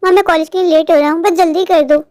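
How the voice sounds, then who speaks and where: A woman's voice: very high voice, fairly even intonation, very fast, a little mellow, dry recording. A woman voicing an eager, lovestruck young male crow in a cartoon, speaking in a pleading way. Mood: anxious. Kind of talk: cartoon voice acting.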